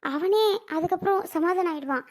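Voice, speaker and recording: A young performer voicing a calm, patient mother-in-law who speaks softly and coaxingly in a family skit. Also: very high-pitched. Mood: soothing. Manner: soft, coaxing, slow and patient. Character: calm older mother-in-law, gentle and soothing.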